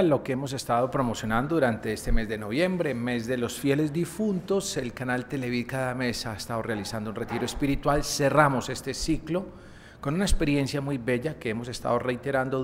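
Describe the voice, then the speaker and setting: A middle-aged man giving on-air announcements and a warm appeal for donations to a religious TV channel. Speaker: TV channel presenter. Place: studio set at a lectern. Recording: reverberant studio, faint rumble.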